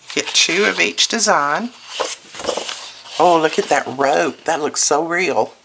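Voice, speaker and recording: Speaking in a deep voice made hoarse by illness, with lively intonation, the woman hosts a casual craft product showcase, chatting slowly and remarking on each item as she handles it. The background clearly carries crinkling paper, packaging, and clicks.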